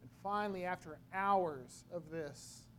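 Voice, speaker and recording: Slow, halting high-voiced preacher man. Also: slight background noise. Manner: slow, halting delivery with frequent repeated words. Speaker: pastor. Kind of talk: sermon.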